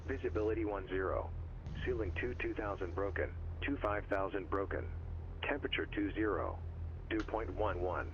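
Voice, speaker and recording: A low male voice reads out an airport weather broadcast in flat, clipped aviation terms. It comes through a dull, lo-fi radio channel. A clear hiss of noise sits under it. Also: moderate pace. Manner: monotone, clipped aviation phrasing. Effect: airport weather broadcast over radio. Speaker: automated airport information broadcast. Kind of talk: recorded ATIS readout.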